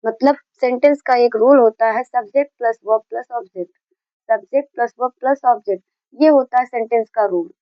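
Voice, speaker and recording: A woman's voice: on the high side, no echo, lo-fi sound. A woman teaching a grammar lesson, explaining patiently, repeating key points and mixing in English terms.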